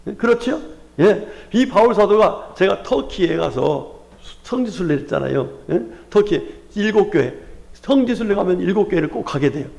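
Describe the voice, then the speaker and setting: High, gravelly Chungcheong pastor preaching. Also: male voice, expressive, moderate pace, darkish tone. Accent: Chungcheong Korean. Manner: rhetorical questions and call-and-response with the congregation; frequent exclamations of hallelujah. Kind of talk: Sunday sermon.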